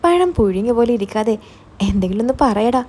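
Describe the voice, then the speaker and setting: A woman's voice: on the high side, animated, fairly quick, warm tone. A woman voicing a blunt, teasing young man who is the hero's old college friend. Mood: scolding.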